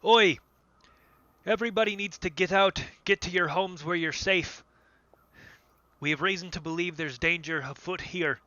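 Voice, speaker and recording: A man doing a gruff, trusting tavern keeper in a tabletop game, calling out "oi" with a bright, forceful edge. The voice is close and dry, on slightly dull podcast audio. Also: fairly high pitch, moderate pace, pauses often, no echo, pitched above the performer's own voice. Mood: bellowing. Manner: gruff calls of "oi", bellows to a crowd. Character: friendly male tavern keeper, steady and trusting.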